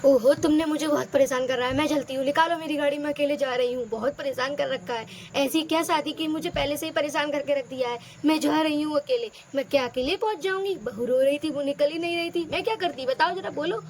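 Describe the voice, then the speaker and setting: A woman's voice: sits high, a little hiss or hum. A woman voicing a complaining groom's mother in a home doll-play skit, whining and aggrieved about being blamed. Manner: whining, aggrieved, quick to take offence.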